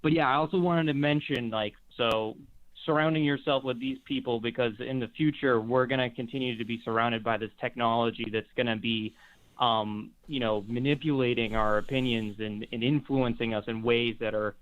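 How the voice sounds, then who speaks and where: A man's voice: mid-range voice, fairly even intonation, normal speed. A man from Massachusetts calling in to a live show, heard over a phone line, rambling as he thinks aloud. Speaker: caller. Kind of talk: casual call-in chat. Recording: dull phone-line audio.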